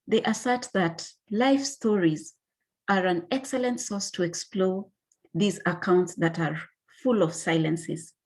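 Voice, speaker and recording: A woman from Kenya with a Kenyan accent, reading a personal narrative as a conference panelist in a measured, deliberate way. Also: medium pitch, darkish tone.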